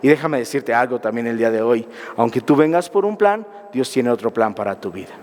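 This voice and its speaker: A man's voice: mid-range voice, animated, brisk, a little mellow. A man preaching a sermon as pastor, emphatic and firing repeated questions at his congregation. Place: church hall. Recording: reverberant church hall.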